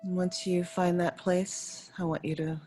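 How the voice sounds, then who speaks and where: With a low, dark voice and a level tone, a woman teaches yoga nidra, guiding a meditation against faint music. She gives calm, soothing instructions in brief, unhurried phrases and leaves pauses in between.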